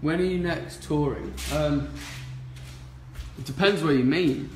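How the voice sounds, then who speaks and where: A man's voice: fairly high pitch, a little slow, gravelly, darkish tone. A young man in playful, giggly banter while streaming a pool game at home. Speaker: band member on livestream. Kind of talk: casual chat. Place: flat with pool table, indoors. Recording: echoey room with faint noise.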